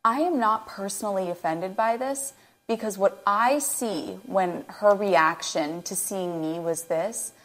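A woman's voice: medium pitch, measured pace, fairly bright tone. A woman hosting as a nutrition coach, speaking earnestly and emotionally into her own microphone, close to tears. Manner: earnest and emotional, nearly teary. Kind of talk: reflective interview commentary.

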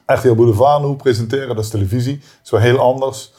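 A man's voice: mid-range voice, steady tone, quick pace, mellow. A man with a Limburg Dutch accent, hosting a casual podcast interview. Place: venue dressing room.

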